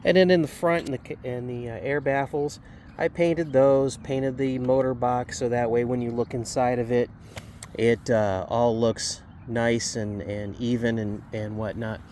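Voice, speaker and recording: A man hosts a casual hobby review at a middling pitch, speaking haltingly with a sore, slightly swollen jaw. There is noticeable background noise with a vehicle-like rumble behind him. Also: fairly even intonation, darkish tone. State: sore, slightly swollen jaw after surgery, talking a little oddly. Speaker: RC hobby channel host reviewing a model plane. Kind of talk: casual hands-on product review.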